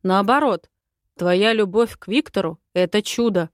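A woman voicing a calm, condescending old male lord in an audiobook. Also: medium pitch, normal speed, no room sound, studio quality, natural voice. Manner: calm, patronizing. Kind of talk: audiobook character voice.

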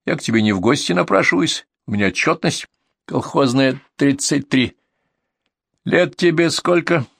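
A man voicing a gruff, tired male ambulance doctor with a stern, mocking manner, in a storybook reading. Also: fairly high pitch, lively intonation, moderate pace, dry recording, clean studio sound, voice pushed up.

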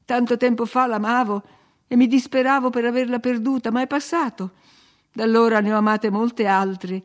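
A dying young woman in a storybook reading, bitter and feverish, her voice climbing high and loud in accusing outbursts, as a woman reader voices her. The tone is impassioned and raw. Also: steady tone, unhurried, gravelly.

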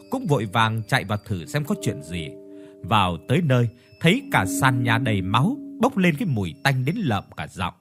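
A man narrating a horror story in a dramatic, expressive way. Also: medium pitch.

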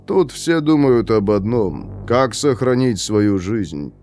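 A detached young convict in his twenties lays out the rules of survival slowly and evenly, as a male audiobook reader puts him on. His delivery is measured and lecturing, his pitch rising and falling freely. A faint music bed runs underneath. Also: lively intonation, darkish tone. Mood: calm lecturing. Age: 20s.

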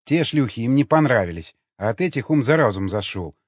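A man's voice: mid-range voice, lively intonation, brisk, slightly rough, no room sound. A man voicing a bitter, angry young man muttering spiteful curses to himself in an audiobook. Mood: furious. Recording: dry, slightly dull recording.

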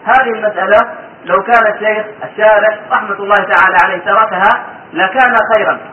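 A man teaching a religious text in a classroom lesson, hesitating with drawn-out fillers, repeating phrases and asking his students rhetorical questions. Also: sits high, steady tone. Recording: tinny, roomy, distant lo-fi lesson recording with faint hiss.

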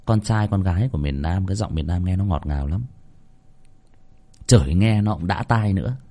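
A man's voice: deep voice, animated, moderate pace, warm tone. Chatty male host. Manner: chatty, joking, playful teasing. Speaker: horror story channel host. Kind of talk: casual outro chat to listeners.

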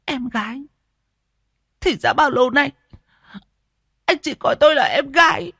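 A man's voice: extremely high pitch, lively intonation, measured pace, gravelly, fairly bright tone, dry recording, clean studio sound, pitched above the performer's own voice, full character voice. A man voicing a hot-tempered, jealous young woman who stammers and shrieks when upset. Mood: hurt, furious.

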